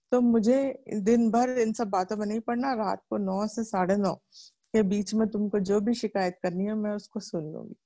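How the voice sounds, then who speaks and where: Indian lady walking viewers through a self-help book, chatty, mellow low-key tone, asks herself questions. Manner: chatty, asks and answers her own questions, acts out quoted lines. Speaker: book explainer.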